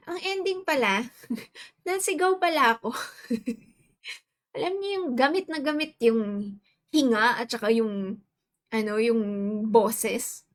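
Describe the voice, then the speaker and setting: A Filipino woman in her forties with a Filipino accent, chatting casually on a livestream and greeting viewers; her voice is soft and quiet, her throat a bit sore. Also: on the high side, takes it slowly, pauses often. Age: 40s. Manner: chatty, mixes Tagalog and English, greets viewers by name. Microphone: earphones with mic.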